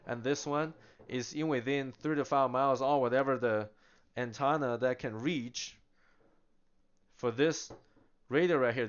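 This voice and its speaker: Relaxed and conversational, a man gives a casual product demonstration in a smooth, resonant mid-range voice. He asks questions only to answer them himself, with small laughs here and there. The recording has a slightly dull, lo-fi quality.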